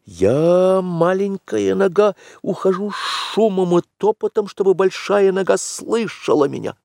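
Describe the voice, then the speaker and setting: A man's voice: high voice, a little slow, gravelly, dry recording, clean studio sound, voice pushed up, heavily acted. A man voicing Mowgli, an eager young jungle boy tracker, in a storybook reading. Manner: excited, raised voice for a boy.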